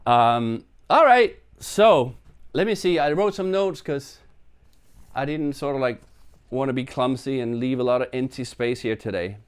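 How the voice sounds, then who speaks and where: In an unhurried, clean, mid-range voice, a Danish man who streams live and makes music chats with viewers from his apartment. He's rambling and chatty, frequently joking at himself.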